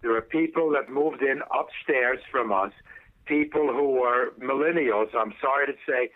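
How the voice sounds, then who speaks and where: A man's voice: medium pitch, normal speed. A man calling in over the phone to a podcast, telling his story in formal, wordy phrasing. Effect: heard over the phone. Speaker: caller. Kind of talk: casual phone call on a podcast. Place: lives in a big city apartment building. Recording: tinny phone line.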